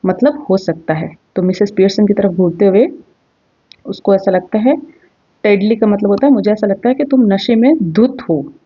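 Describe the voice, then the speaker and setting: A woman teacher who reads English lines slowly and then explains them in Hindi, line by line. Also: medium pitch, husky, dull audio.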